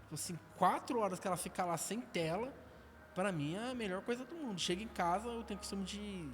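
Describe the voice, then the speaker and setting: Speaking a little fast in a high voice, a guest with a Brazilian Portuguese accent shares life stories on a podcast, full of slang and darkly comic touches. It's relaxed testimony and conversation, and the audio is noisy.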